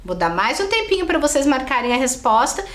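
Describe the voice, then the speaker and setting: Very animated and a little fast, a high-voiced Brazilian teacher addresses her young pupils directly in a recorded video lesson, frequently checking that they're following. Her accent is Brazilian Portuguese, and the room is echoey.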